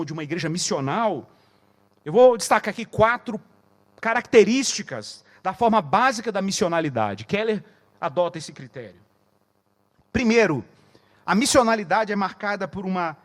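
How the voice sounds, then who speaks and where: A man with a Brazilian Portuguese accent preaching as a pastor at a conference, telling stories and acting out conversations in a quieter voice. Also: sits high. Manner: storytelling, acts out dialogue in a quieter voice. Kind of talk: conference sermon. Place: conference hall.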